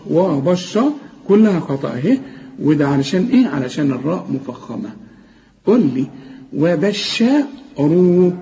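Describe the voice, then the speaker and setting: Egyptian tajweed teacher, male, mellow fairly high voice, drills words slowly, dull lo-fi audio. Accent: Egyptian Arabic. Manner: corrects pronunciation, repeating words slowly and drawn out. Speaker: Quran recitation teacher. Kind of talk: tajweed correction lesson.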